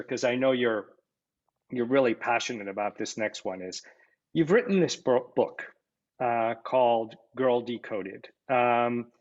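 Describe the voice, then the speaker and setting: A man hosting a podcast interview, asking questions hesitantly with many fillers and false starts. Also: medium pitch. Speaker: podcast host. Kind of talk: conversational interview. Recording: dull lo-fi audio.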